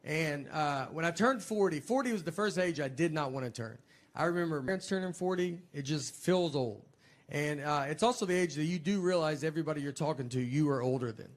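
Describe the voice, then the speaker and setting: A man's voice: on the high side, animated, a little fast. Laid-back man in his forties, stand-up. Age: 40s. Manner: laid-back, understated storytelling with many "like" fillers. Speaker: stand-up comedian. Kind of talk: stand-up routine.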